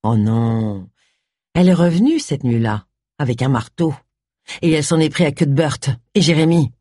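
A man's voice: fairly high pitch, expressive, normal speed, mellow, dry recording, clean studio sound. A reader voicing a smug, genteel man who talks in a mocking, amiable way with a sinister edge.

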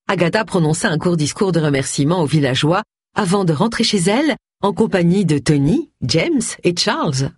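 Expressive husky audiobook narrator. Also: medium pitch, no echo, clean studio sound. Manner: expressive reading with varied voices. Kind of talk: scripted narration.

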